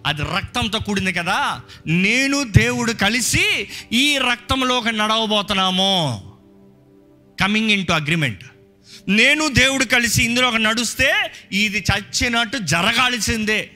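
Bright, high-voiced man preaching. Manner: emphatic preaching with rhetorical questions to the congregation; answers a scripture reader with short affirmations. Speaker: pastor. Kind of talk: sermon. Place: church service.

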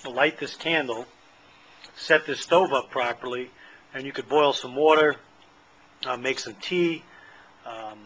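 A middle-aged channel host casually demos a camping candle stove at an outdoor patio table, speaking plainly and rambling with many fillers. Filmed on a handheld camera, his medium-pitched voice sounds bright and forceful, though the audio is poor.

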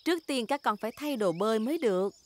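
A patient, motherly pig, acted by a woman in a children's cartoon. Her pitch is a little high and her reassuring delivery is lively. There is clear noise of effects behind her. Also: fast talker, natural voice. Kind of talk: dubbed preschool cartoon acting. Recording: loud background noises and effects.

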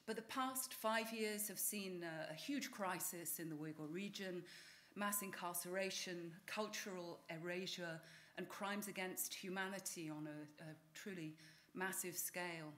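A woman professor giving an academic lecture on stage, speaking in a measured, formal way. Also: fairly low pitch, fairly bright tone.

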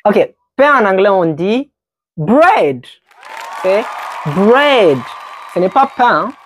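A woman giving a slow vocabulary quiz lesson as an English teacher, patiently repeating each word for learners. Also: medium pitch, lively intonation, a faint crowd, slight background noise.

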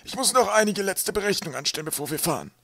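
A man voicing an elderly, polite male professor who speaks slowly. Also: high-pitched, expressive, a bit bright, voice pushed up, heavily acted.

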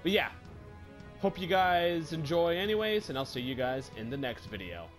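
Gamer dude rambling over gameplay, keeps apologizing, swears, kinda high voice, game music behind. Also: male voice, lively intonation, moderate pace. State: coughing. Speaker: gaming YouTuber. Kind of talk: casual gameplay commentary.

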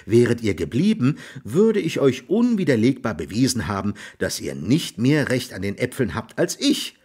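A man reading an audiobook voices a cheeky, talkative young gentleman who argues and lectures. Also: mid-range voice, big pitch swings, husky. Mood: lecturing. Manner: argumentative, lecturing, quick.

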